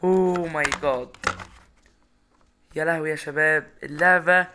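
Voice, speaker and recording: A young man with an Egyptian Arabic accent commentating his own Minecraft run, excitable, talking straight to his viewers and repeating words in bursts. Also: fairly high pitch, moderate pace, background noise. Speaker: gaming YouTuber.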